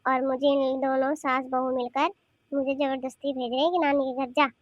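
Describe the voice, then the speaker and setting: A cheeky young cartoon granddaughter talks back in a high, whiny voice, as a woman plays her. She argues and protests without letting up. The sound is dry and close. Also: little pitch movement, moderate pace, no echo, dull audio, lightly acted. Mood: stubborn. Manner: talking back, whiny and argumentative. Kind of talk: cartoon voice acting.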